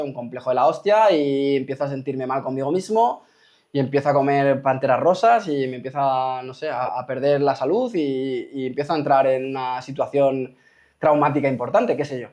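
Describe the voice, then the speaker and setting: A man's voice: mid-range voice, darkish tone. A man gives a casual spoken talk to his viewers, checking in often with rhetorical questions. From Spain. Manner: rhetorical, keeps asking "¿me explico?". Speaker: host.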